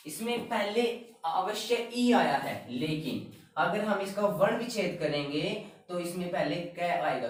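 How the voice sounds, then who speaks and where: A man teaching a grammar lesson, explaining step by step and repeating each word slowly. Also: sits high. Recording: very echoey room, voice a bit far from the mic.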